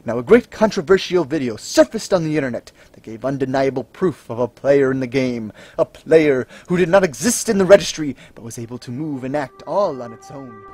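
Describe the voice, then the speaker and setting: A man voicing a bossy, excitable young male gamer with a cartoonish nasal voice and dramatic delivery. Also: mid-range voice, fairly quick, hardly any pauses, husky. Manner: dramatic, theatrical.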